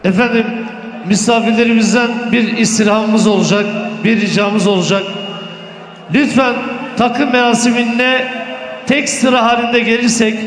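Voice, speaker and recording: A man working as a wedding announcer, addressing guests in a booming, courteous master-of-ceremonies style. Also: slight background noise. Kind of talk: live event hosting, hyping up guests. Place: large reverberant wedding hall. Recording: echoey hall PA, loud music, crowd. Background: music and crowd.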